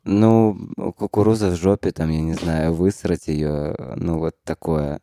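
A man's voice: sits low, steady tone, measured pace, warm tone. A man who performs as a drag queen, chatting casually and bluntly with heavy swearing and loose, broken-off phrases. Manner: blunt, heavily profane, loose fragmented phrasing. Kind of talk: casual chat.

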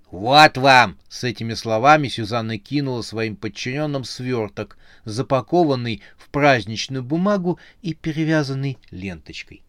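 A man narrating a comic horror novel in a lively storytelling way. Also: mid-range voice, clear, resonant tone, dry recording, studio quality.

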